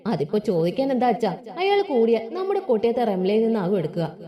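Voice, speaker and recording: A woman's voice: on the high side, sing-song, brisk, muffled recording. A woman reading a story aloud, voicing a spoiled, scornful young bride-to-be who speaks in a sneering, self-assured way.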